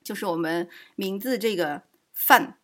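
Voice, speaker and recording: A woman from China co-hosting a casual podcast chat, playful and quick to joke. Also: mid-range voice. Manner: playful, laughs easily. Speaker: podcast co-host.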